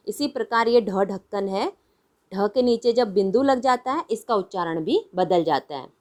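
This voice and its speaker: A woman's voice: mid-range voice, darkish tone. A woman teaching a primary school language lesson, reading words one by one and repeating them patiently for children. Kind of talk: slow Hindi lesson for young children.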